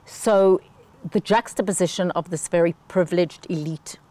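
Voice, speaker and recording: A woman's voice: fairly low pitch, moderate pace, mellow. A woman in her fifties from South Africa, a guest telling her life story in an interview. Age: 50s. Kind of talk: conversational interview.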